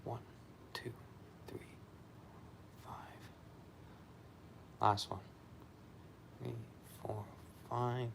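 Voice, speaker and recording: A man casually talking through an exercise demonstration and counting out repetitions in a low-key, often murmured way. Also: level tone, very slow, gravelly, long pauses, noisy background. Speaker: vlogger recovering from surgery, demonstrating exercises.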